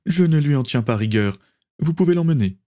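A man voicing a polite, formal governor in a read-aloud story, slightly raised in pitch. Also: lively intonation, brisk, dark tone, lightly acted. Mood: courteous. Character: governor, courteous older man.

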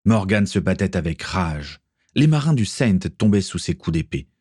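A man narrating an adventure story in a steady, even reading voice. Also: low voice, normal speed, husky, dry recording, studio quality. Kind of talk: audiobook reading.

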